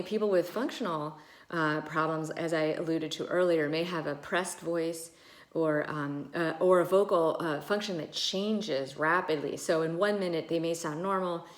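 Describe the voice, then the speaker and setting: Woman ent doc chatting thru a lesson, kinda low voice, lots of ums, echoey room. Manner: chatty, many fillers, demonstrates voice sounds. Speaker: ENT doctor. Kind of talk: casual educational explainer.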